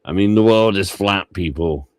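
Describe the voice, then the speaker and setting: A man's voice: low-pitched, normal speed, dry recording. A tired man rambling and swearing casually as he streams live reaction commentary. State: tired, low energy.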